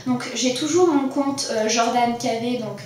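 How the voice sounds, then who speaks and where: A woman's voice: a little high, unhurried, a little mellow. Chatty young woman in an echoey room. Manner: chatty, with frequent fillers and restarts. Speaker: beauty vlogger. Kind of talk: casual monthly-favourites chat. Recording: very echoey room, mic set far off.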